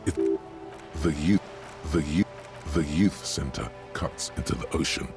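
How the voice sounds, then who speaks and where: Very low, gravelly male voice reading game narration aloud with stumbles and restarts; game music in the background. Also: measured pace.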